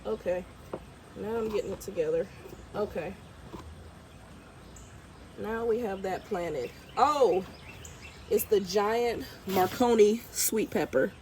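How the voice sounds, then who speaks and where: A congested woman speaks slowly with frequent pauses as she plants her garden for a casual vlog, chatting and thinking aloud. Her mid-range voice is darkish, and the recording has a little hiss or hum beneath the birds and outdoor ambience.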